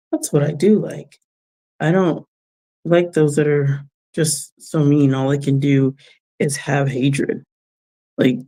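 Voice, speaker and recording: A vlogger offering life advice chats casually with her viewers while working on a craft. Her low voice is slow, unhurried, mellow and darker in tone. She reflects, shares gentle advice, and lets out soft chuckles.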